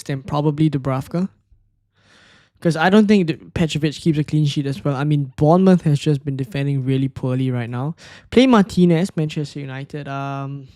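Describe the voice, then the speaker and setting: A man's voice: a little high, no echo. Man, dry close voice. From Singapore. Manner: thinking aloud, relaxed and conversational, frequent fillers and restarts. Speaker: fantasy football streamer. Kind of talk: casual live-stream commentary answering chat questions.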